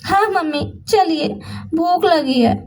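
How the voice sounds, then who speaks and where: A woman's voice: very high voice, takes it slowly, a little mellow, pitched above the performer's own voice, full character voice. Woman doing a whiny young daughter. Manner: whiny, pleading.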